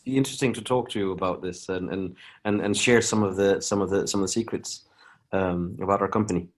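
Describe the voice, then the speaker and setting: Halting Danish-born man, low voice. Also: steady tone. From Denmark. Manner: halting, many restarts and fillers. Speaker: guest, company founder. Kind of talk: casual interview talk.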